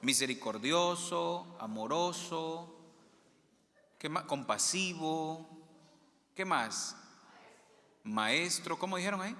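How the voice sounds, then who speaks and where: A man's voice: high-pitched, pushed and bright. A male priest giving a homily, often asking the congregation questions and repeating their answers aloud. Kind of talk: interactive homily. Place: church. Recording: long church reverb.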